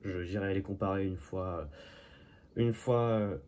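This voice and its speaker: A man's voice: low-pitched, fairly even intonation, a little slow, darkish tone, a little hiss or hum. A man from Normandy chatting casually as he shows his finds from a flea market, correcting himself often and dropping jokey asides. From Normandy, France. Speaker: toy car collector. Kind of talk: casual show-and-tell commentary.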